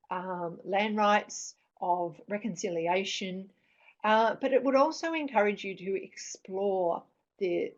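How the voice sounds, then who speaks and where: A middle-aged woman speaks at an average pitch as she presents informally. Her phrasing is thoughtful and hesitant, with frequent pauses and restarts as she explains. The recording is dull and somewhat lo-fi. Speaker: presenter on parents reading with children. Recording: dull, lo-fi sound.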